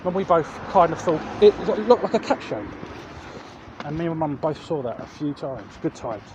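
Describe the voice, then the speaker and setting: Very animated and on the high side, a male vlog host from England rambles casually to viewers at a moderate pace as he walks urban streets. He hesitates, repeats words and corrects himself mid-sentence, in a lo-fi outdoor recording with traffic noise.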